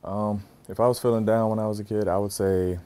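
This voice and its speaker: A man's voice: fairly low pitch, level tone, fairly quick, dark tone, clear, resonant tone. A man in his thirties from Virginia, answering interview questions about his childhood in an easygoing, plainspoken way with a light joking touch. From Richmond, Virginia. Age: 30s. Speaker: interviewee, groom-to-be.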